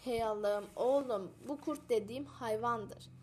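A woman's voice: a little high, a little slow, a little mellow, a little hiss or hum, lightly acted. A woman voicing an ill village father who scolds his son with exasperated sighs.

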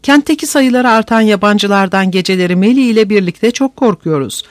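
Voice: mid-range voice, expressive, fairly quick, dry recording, studio quality, lightly acted. A narrator voicing a timid, faint-hearted older aunt with a quavering, bleating voice in an audiobook reading. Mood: whining. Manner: whining, fretful.

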